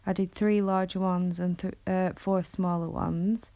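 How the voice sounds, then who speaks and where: A young woman with a British accent and a croaky, low-pitched voice talks through her craft project in a casual voice-over. She hesitates often with ums, keeping a mellow, fairly flat delivery. The sound is close and dry. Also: unhurried, no echo. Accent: British English. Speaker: craft vlogger.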